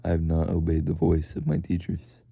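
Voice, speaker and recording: A man reads scripture in a very low, completely flat voice with a creaky, gravelly edge. He goes slowly and haltingly, deadpan throughout. The recording is dry and somewhat dull. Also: no room sound. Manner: deadpan, halting with stumbles over words. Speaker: reader. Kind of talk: monotone scripture reading.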